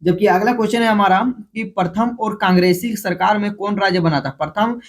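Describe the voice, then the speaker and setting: High-pitched guy with a jharkhand hindi accent rattling off mcq answers, repeats every question, keeps correcting himself. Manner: repeats each question, then announces the option letter; hurried, with frequent restarts and self-corrections. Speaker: exam prep teacher. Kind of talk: quick-fire multiple-choice quiz review.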